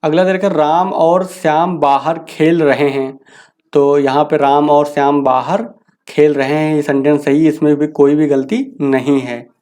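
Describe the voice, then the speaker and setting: A man teaching a grammar lesson, reading each sentence slowly and then explaining the correction casually. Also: a little high, little pitch movement, a little mellow.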